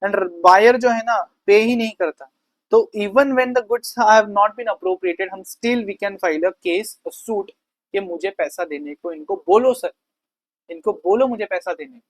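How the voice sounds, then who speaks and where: A male teacher giving a conversational law lecture. He reads definitions slowly, explains them quickly and casually, and keeps asking the class questions. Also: high-pitched, a bit bright, dry recording, rough recording. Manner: asks the class rhetorical questions.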